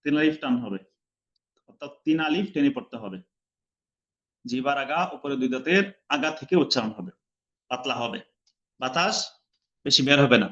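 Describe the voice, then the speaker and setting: A male teacher giving an online lesson on how to pronounce letters, slowly and patiently repeating each sound and sometimes chanting it drawn out. He speaks with a Bangladeshi Bengali accent. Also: mid-range voice, animated, bright, forceful tone, highs cut off. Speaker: Quran recitation teacher.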